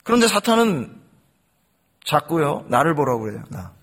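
A man's voice: a little high, big pitch swings, moderate pace, a bit bright, husky. A male pastor preaching an impassioned sermon and addressing the congregation directly.

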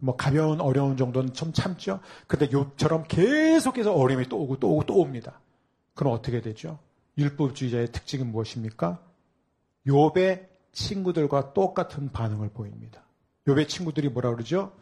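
A man's voice: medium pitch, animated, a little fast, creaky, dark tone, breathy edge. A man preaching a sermon as a pastor, who asks the congregation questions and acts out the inner voices of believers.

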